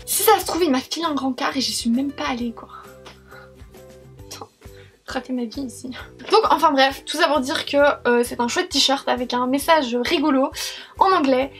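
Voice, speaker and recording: A woman's voice: high voice, normal speed, fairly bright tone, faint music behind. A young woman chatting casually in a haul vlog, rambling with many fillers and restarts. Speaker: vlogger.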